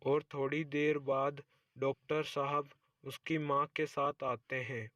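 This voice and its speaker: A man's voice: mid-range voice, level tone, slow, a bit bright, no room sound, lo-fi sound. A man narrating a simple cartoon story in plain storytelling.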